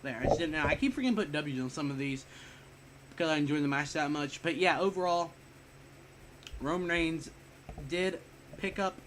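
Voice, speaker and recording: A man's voice: on the high side, moderate pace, long pauses, fairly bright tone, slight background noise. Rambling young man reviewing wrestling. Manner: rambling, self-correcting, swears casually. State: slightly sick, short of breath. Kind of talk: casual spoken review.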